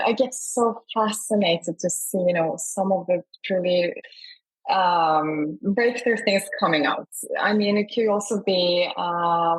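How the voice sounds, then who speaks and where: A woman's voice: medium pitch, breathy edge, low-quality recording. A woman from Scandinavia, an investor and award founder, talking enthusiastically in an interview. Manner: enthusiastic, emphatic.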